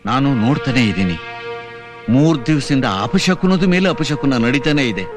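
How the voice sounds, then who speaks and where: A man's voice: medium pitch, sing-song, normal speed, music in the background, close to an everyday voice. An older actor playing a worried village grandfather in a film drama. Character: fretful old village grandfather.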